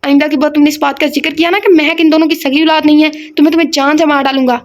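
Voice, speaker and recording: A woman's voice: high-pitched, flat delivery, lightly acted. A woman voicing a furious older man who threatens a rival, reading from a novel.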